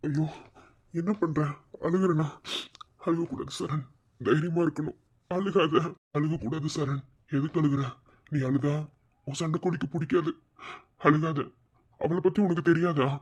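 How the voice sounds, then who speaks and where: Heartsick young cartoon husband. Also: male voice, fairly high pitch, fairly even intonation, normal speed, pauses often, breathy edge. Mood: sad. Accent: Madurai Tamil. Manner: soft self-talk.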